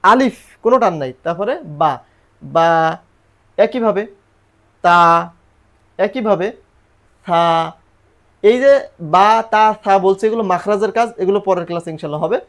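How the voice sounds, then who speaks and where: A man's voice: high-pitched, quick pace. A man teaching Quran reading and the Arabic alphabet in a recorded lesson, patiently repeating letters and drilling pronunciation.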